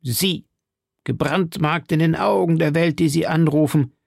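A cruel male villain who thunders his commands in a raised, forceful voice, as a gravelly-voiced narrator puts him on. The storybook reading is close and dry. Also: on the high side, expressive, normal speed, no room sound, voice pushed up, heavily acted. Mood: menacing.

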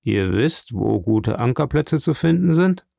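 A gruff captain of a small sailing boat, skeptical and brisk, weighing up a stranger in a storybook reading, as a man voices him. The voice is dark and gravelly. It is recorded close, with no room sound. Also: mid-range voice, big pitch swings, no room sound, exaggerated voice. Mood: questioning. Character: doubtful, gruff male ship's master. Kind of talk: audiobook reading.

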